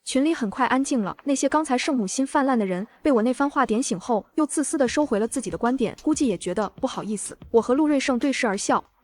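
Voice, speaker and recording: A young woman voicing a calm, vengeful reborn heroine who narrates her own story in a cool, matter-of-fact way. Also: high-pitched, quick pace, few pauses. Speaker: first-person narrator and heroine. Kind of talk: dramatic audio narration.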